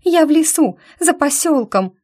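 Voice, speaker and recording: A woman's voice: high-pitched, animated, unhurried, a little mellow, voice pushed up. A woman voicing a panicked, injured teenage girl who is crying and gasping hysterically. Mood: sobbing, panicked.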